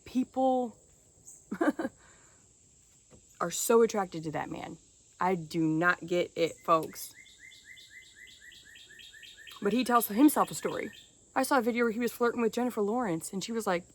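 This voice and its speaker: This self-help vlogger, a woman with a medium-pitched voice, talks earnestly to camera at a normal speed with long pauses. Her motivational vlog is casual and conversational, often broken by short laughs, and a faint hiss or hum sits under the audio.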